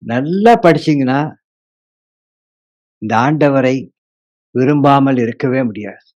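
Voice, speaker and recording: A male pastor preaching a sermon, acting out his congregation's complaints in a lively way. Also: medium pitch, takes it slowly, muffled recording.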